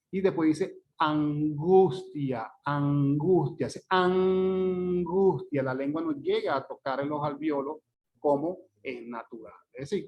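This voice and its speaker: A man's voice: a little high, dull audio, a little hiss or hum. Man lecturing, drawing out example words. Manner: checks in often with "¿ok?" and "¿verdad?", repeats example words slowly. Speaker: teacher. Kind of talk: phonetics lecture.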